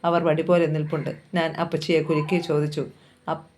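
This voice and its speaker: A woman reads a novel aloud, narrating in the first person in a steady, sorrowful storytelling manner. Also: low-pitched, fairly quick, a little hiss or hum. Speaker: novel reader.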